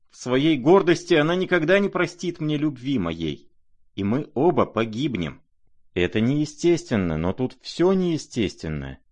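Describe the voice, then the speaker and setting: A man playing a gentle, troubled young nobleman who speaks quietly and pleadingly. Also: medium pitch, sing-song, measured pace, pitched above the performer's own voice. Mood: sorrowful.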